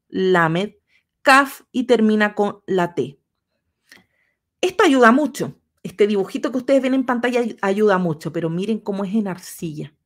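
A woman giving a history lecture on a livestream, patiently walking viewers through slides one step at a time. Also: medium pitch.

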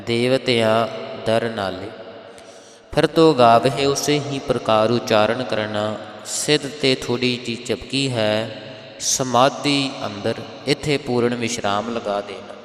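A man teaching careful recitation of scripture, chanting verse lines slowly and then explaining where to pause and how to pronounce each word. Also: medium pitch, roomy sound, big-room sound. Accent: Punjabi. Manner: addresses listeners respectfully. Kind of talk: Gurbani pronunciation lesson.

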